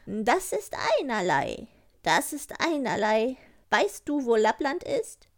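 A woman voicing a wild little robber girl, storybook, brash, bossy, loud, raised pitch. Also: sing-song, slow pace, exaggerated voice.

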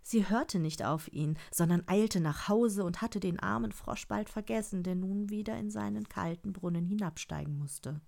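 A woman reading a fairy tale aloud in a calm, deliberate storytelling manner. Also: mid-range voice, creaky.

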